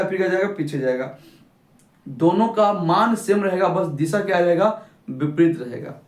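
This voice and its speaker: A young man teaching a physics class, who keeps asking questions and answering them himself. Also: high voice. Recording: echoey room, mic at a distance.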